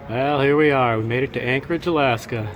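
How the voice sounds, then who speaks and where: A man's voice: medium pitch, fairly quick, muffled recording, loud music behind the voice. A man talking casually to camera as a travel vlogger, giving updates on his trip. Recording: faint background noise on location.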